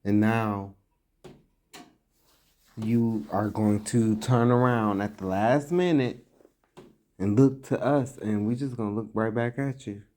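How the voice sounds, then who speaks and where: A man's voice: lowish voice, steady tone, takes it slowly, long pauses, dark tone. A man giving blunt, emphatic commentary in a vlog, reading old scripture passages and then explaining them in plain talk.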